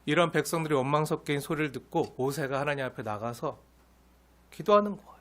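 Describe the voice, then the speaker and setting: High-voiced, animated male pastor; preaches and asks questions. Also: quick pace. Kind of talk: expository sermon.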